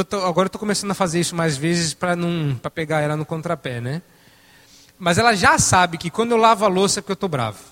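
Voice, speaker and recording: A man preaching a sermon, emphatic and animated, swinging between loud stresses and soft asides. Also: sits high, in a large hall.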